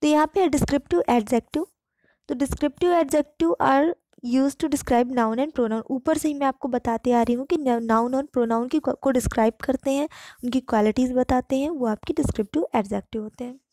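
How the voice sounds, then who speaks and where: A woman teaching English grammar in Hindi. She reads the English example sentences slowly and clearly. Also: high voice, dark tone, no room sound, studio quality. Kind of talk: online grammar lesson.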